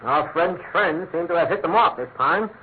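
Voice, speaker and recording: An actor playing a chatty, self-assured British police inspector in a radio mystery, talking in clipped, matter-of-fact phrases. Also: male voice, a little high, animated, moderate pace, close to an everyday voice. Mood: confident, genial. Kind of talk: classic radio mystery drama acting. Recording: tinny, noisy old radio recording.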